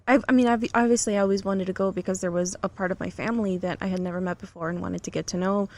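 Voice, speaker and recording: A woman's voice: medium pitch, steady tone, racing, a little mellow. A young to middle-aged woman who grew up in the United States, speaking earnestly in long reflective runs as a podcast guest. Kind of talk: casual interview talk.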